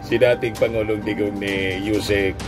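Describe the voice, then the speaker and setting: A man's voice: fairly low pitch, little pitch movement, normal speed. Middle-aged guy vlogging the news, chatty, laughs at his own jokes, faint music behind. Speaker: vlog host. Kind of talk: casual news commentary and joke telling.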